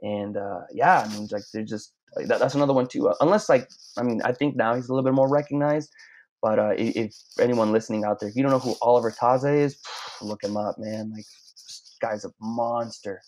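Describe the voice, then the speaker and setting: Speaking at medium pitch with a brisk pace and darkish tone, a man from Mexico appears as a podcast guest and owns a clothing brand. The casual chat rambles, broken by many restarts and stammered repeats, and the sound is slightly dull and lo-fi.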